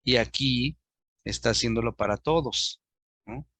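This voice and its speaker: A man's voice: medium pitch, a little slow, vocal fry, fairly bright tone, no echo. A man teaching an online class, patiently explaining step by step and addressing his students directly.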